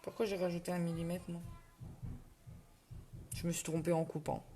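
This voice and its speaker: A middle-aged woman with a Ch'ti accent talks through a crafting tutorial on a live stream, full of fillers and restarts. Her voice sits a little low. Faint noise and small clicks run behind her home recording. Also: level tone, normal speed, mellow. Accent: Ch'ti (northern French). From northern France. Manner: chatty, self-correcting, many fillers, reads viewer comments aloud.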